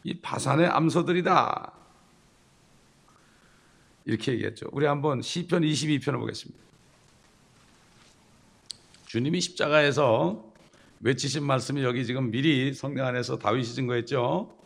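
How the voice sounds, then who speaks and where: A man preaching a sermon, emphatic, with sudden loud bursts and rhetorical questions to the congregation. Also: medium pitch, moderate pace, vocal fry, long pauses. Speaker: pastor.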